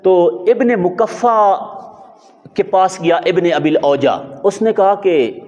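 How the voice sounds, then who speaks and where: A man's voice: sits high, darkish tone. A male religious scholar giving a sermon, telling stories with emphatic rhetorical questions. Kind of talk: sermon storytelling. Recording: dull lo-fi audio in a long-reverb hall.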